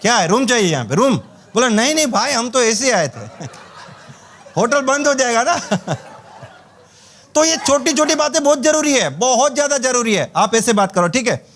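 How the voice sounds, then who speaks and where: A man's voice: extremely high pitch, expressive, unhurried, pauses often, fairly bright tone. A man giving a motivational sales training talk, telling anecdotes and acting out dialogue with jokes. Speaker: network marketing trainer.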